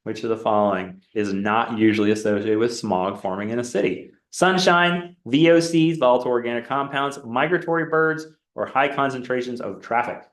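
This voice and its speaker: Reading quiz options aloud with a rising, questioning lilt, a male instructor runs a review game for his class in an echoey lecture classroom. His voice is medium-pitched, at normal speed with few pauses.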